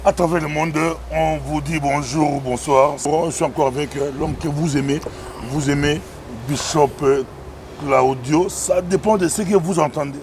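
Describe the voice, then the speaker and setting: A man's voice: a little high, fairly even intonation, normal speed, noisy background. A man hosting an interview as a pastor, talking hesitantly with many restarts.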